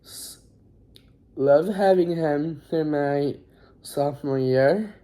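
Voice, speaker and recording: A high school student in their teens recording a casual recap vlog on a phone, talking in a halting, rambling, apologetic way. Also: dark tone.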